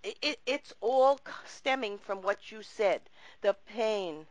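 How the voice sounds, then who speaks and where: A woman's voice: mid-range voice, animated, takes it slowly, no room sound, low-quality recording. A woman hosting an interview show, speaking in an earnest, reflective and spiritual way. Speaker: host.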